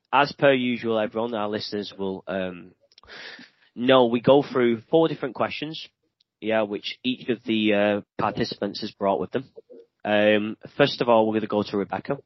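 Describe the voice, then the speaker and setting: A man's voice: on the low side, dry recording. Male podcast host, chatty and upbeat, dull dry lo-fi recording. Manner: upbeat, chatty, laughs easily. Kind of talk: casual podcast hosting.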